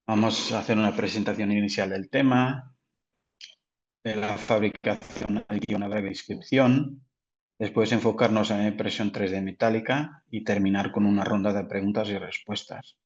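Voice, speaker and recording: A Portuguese man, speaking his native language with a Portuguese accent, presents a technical webinar as a product manager. His voice is lowish and fairly even, at a normal speed, and he speaks carefully but restarts often. The audio is dull and lo-fi.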